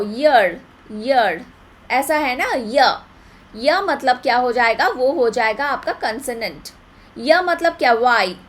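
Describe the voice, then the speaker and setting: High-voiced woman teaching, slow. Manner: drills pronunciation by repeating words slowly. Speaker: English grammar teacher for exam prep. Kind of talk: online lecture.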